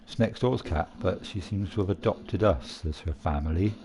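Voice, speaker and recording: A man's voice: low-pitched, normal speed, dark tone. A man hosting a casual gameplay video from a room at home, chatting and rambling with frequent laughs. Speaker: gaming video host.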